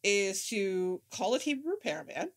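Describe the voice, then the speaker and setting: A woman appears as a guest on a film podcast. She speaks casually at a middle pitch, and she often stammers and restarts as she makes her points. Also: very animated, a little slow. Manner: hesitant, stammering asides.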